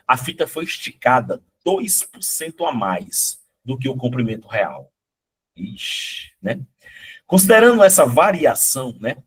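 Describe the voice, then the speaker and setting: Teaching math exam prep in a live online class, this middle-aged man has a medium-pitched, husky voice made hoarse by a cold. He's chatty and coaxing, often stopping to check in with students.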